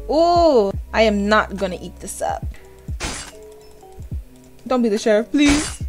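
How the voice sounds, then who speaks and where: A woman's voice: fairly high pitch, animated, slow pace, a little mellow, faint music behind. A woman chatting casually while playing an online game, playful and teasing, often repeating a line over and over. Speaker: gaming video creator. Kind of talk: casual gaming voice chat.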